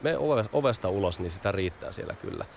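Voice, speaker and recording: A man's voice: fairly low pitch, animated, creaky, darkish tone, a little hiss or hum. A man being interviewed as an audio branding expert, explaining patiently and often repeating small fillers while he thinks.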